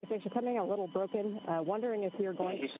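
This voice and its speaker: A woman's voice: medium pitch, fast talker, phone-quality sound. Woman astronaut, terse procedure calls, crackly space radio that keeps breaking up. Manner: clipped, procedural, matter-of-fact. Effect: breaking-up space-to-ground radio.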